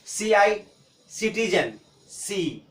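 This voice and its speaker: A man teaching an English pronunciation lesson, spelling out letters slowly and asking and answering his own questions. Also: high-pitched, very animated, distant mic, faint music behind. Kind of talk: classroom-style phonics lesson. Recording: echoey room, voice from off-mic.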